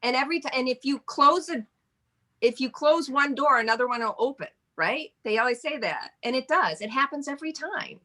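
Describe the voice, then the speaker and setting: Her high-pitched voice has lively intonation, a fairly quick pace, and a sharp tone. A casual interview guest, this woman in her forties from Michigan runs a modeling agency and rambles chattily with plenty of laughs.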